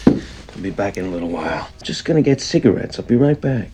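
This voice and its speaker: A man's voice: on the low side, very animated, brisk, mellow, a little hiss or hum. An actor playing a troubled, evasive man, subdued and hesitant, in a television drama. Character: troubled, evasive man talking to his girlfriend.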